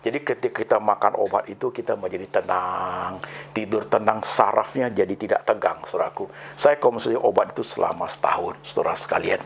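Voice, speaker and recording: A middle-aged man, a pastor, telling his life story in a sermon and addressing the listeners as brothers and sisters after nearly every phrase, slow and dramatic with sudden high lifts. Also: vocal fry, slight background noise. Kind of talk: testimony sermon.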